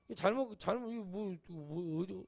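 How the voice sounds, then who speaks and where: Man, pastor preaching, gravelly voice, emphatic with sudden high outbursts. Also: moderate pace. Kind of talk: sermon.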